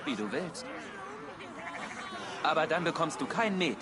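A teasing, cocky young Norse prince for a video game. His voice is highish and lively, amid a noisy crowd. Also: a little slow. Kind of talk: video game drama acting. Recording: loud crowd and noise behind.

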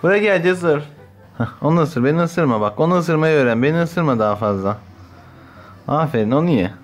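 A man's voice: a little high, animated, fairly quick, faint music behind. A man casually chatting in a home vlog, playful and laughing as he teases and scolds a biting puppy. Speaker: vlogger playing with his new puppy. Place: at home indoors.

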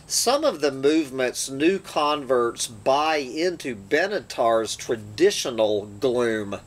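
A man's voice: mid-range voice, expressive. A man hosting his channel, reading an essay aloud with dry, sardonic asides between passages. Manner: slow, deliberate reading with sardonic asides and throat-clearing.

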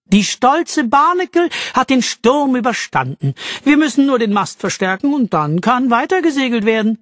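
A man's voice: very high-pitched, big pitch swings, moderate pace, a bit bright, dry recording, voice pushed up, exaggerated voice. A man voicing a smug, self-satisfied male pirate captain in an audiobook, with a mocking manner.

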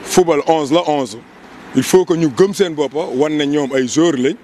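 A man's voice: fairly high pitch, unhurried, darkish tone. A young man in a street interview by a roadside, talking emphatically into a handheld microphone. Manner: emphatic, switching between French and Wolof. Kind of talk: casual street vox pop. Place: busy roadside outdoors. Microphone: handheld mic held by interviewer. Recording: faint traffic noise outdoors.

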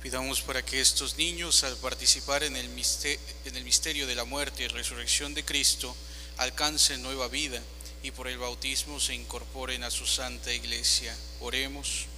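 A man reading the intercessions at a baptism liturgy, reciting each petition in an even, measured way. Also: mid-range voice. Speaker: lector reading the prayers. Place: large church indoors. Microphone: far phone camera in the congregation. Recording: echoey church from afar, steady hum.

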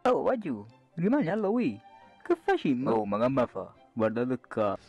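A man's voice: medium pitch, wildly swooping pitch, normal speed, darkish tone, husky, muffled recording, heavily acted. A man with a Neapolitan accent voicing brash, foul-mouthed football players in a comic anime fan dub, speaking exaggerated colloquial dialect. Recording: background music behind the voice.

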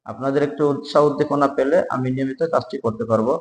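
A man gives a spelling lesson, breaking each word into its letters and repeating it slowly. His voice sits at an ordinary middle pitch. The recording is echoey, with a long reverb hanging after his words. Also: steady tone. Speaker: spelling teacher. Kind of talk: spelling lesson for job exams.

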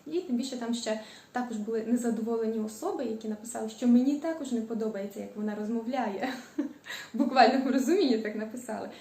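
A woman from Ukraine chatting casually in a home cooking vlog, stretching out the ends of words and pausing on filler sounds. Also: a little high, warm tone. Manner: stretches out word endings; frequent hesitant fillers. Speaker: cooking vlogger. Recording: echoey room.

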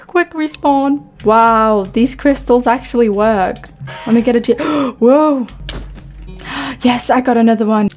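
A woman's voice: a little high, a little mellow. A young adult woman hosting a gaming video, with gameplay chat and tutorial narration.

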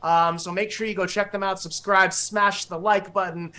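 A man's voice: high voice, flat delivery, moderate pace, sharp tone. A man hosting an online panel over a video call, upbeat and exclamatory. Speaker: panel host.

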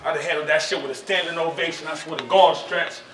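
A man performing at a live battle rap event, trash-talking his opponent with bursts of shouting and laughter. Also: fairly high pitch, fairly even intonation, fast talker, a little hiss or hum. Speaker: battle rapper. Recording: echoey, distant mic with loud crowd at a live battle. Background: crowd reacting.

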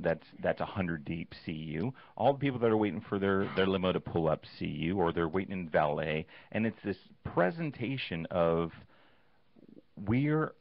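A man hosting a casual interview show, telling stories with animated restarts. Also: low-pitched. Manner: animated storytelling, many restarts. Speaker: show host. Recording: dull lo-fi sound.

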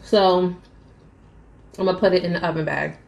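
A woman's voice: fairly low pitch, fairly even intonation, moderate pace, creaky, roomy sound, dull audio. Chatty woman eating on camera. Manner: chatty, addresses viewers as y'all, eats between sentences. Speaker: mukbang vlogger. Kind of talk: casual eating vlog chat. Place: small room at home, indoors.

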